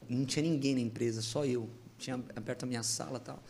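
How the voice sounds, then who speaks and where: A man with a Brazilian accent, a pastor, tells his story with lively, heartfelt energy. He talks in a middle-pitched voice and jumps between narrating and acting out what people said. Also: fast, creaky, slight background noise. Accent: Brazilian Portuguese. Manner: animated, emotional storytelling with reenacted dialogue. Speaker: pastor, podcast guest. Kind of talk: personal testimony storytelling.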